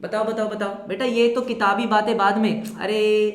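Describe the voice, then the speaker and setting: Lively male accounting teacher, roomy sound. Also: high-pitched, normal speed. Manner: lively, quizzes students and answers in their voice; mixes English terms into Hindi. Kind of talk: live online class lecture. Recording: roomy echo.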